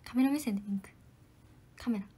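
A young woman, an idol trainee, chatting politely on a livestream and answering viewer comments, often dropping into soft whispered asides. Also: mid-range voice, fast talker, breathy edge.

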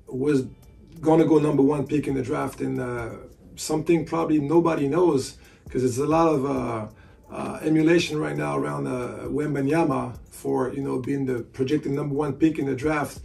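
A man's voice: medium pitch, steady tone, moderate pace, creaky, mellow, distant mic. A man in his forties, a sports agent, answering interview questions casually with lots of "you know" fillers, seated in a hotel room. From France. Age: 40s. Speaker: sports agent and basketball analyst.

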